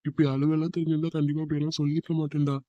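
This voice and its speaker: A man's voice: a little high, little pitch movement, rapid-fire, warm tone, dry recording, lo-fi sound, natural voice. Man voicing a teasing young lover. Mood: pleading. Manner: coaxing, apologetic, playful. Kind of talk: cartoon voice acting.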